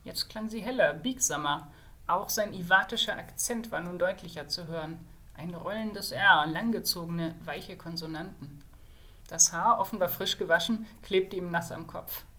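A woman's voice: fairly low pitch, moderate pace, pushed and bright. A woman reading a fantasy novel aloud, now and then adding short asides to her listeners.

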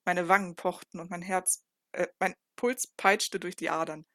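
Woman reading a first-person novel, calm and even, lowish voice, dry close recording. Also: moderate pace, no room sound. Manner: calm, even reading with occasional small slips. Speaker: audiobook narrator.

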